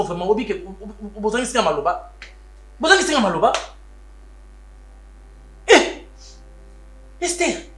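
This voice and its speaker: A wealthy Congolese family head. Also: male voice, high-pitched, fairly bright tone. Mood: angry, scolding. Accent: Congolese French. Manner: switches between French and Lingala, pleading then scolding. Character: wealthy man protective of his siblings. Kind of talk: Congolese TV series acting. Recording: roomy room with background music.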